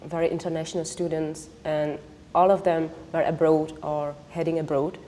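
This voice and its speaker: Speaking as a guest on a panel, a Vietnamese-native woman with a Czech accent reflects thoughtfully, frequently repeating words as she looks for the right ones. Her voice is low, mellow and fairly monotone at a normal speed, with long hall reverb.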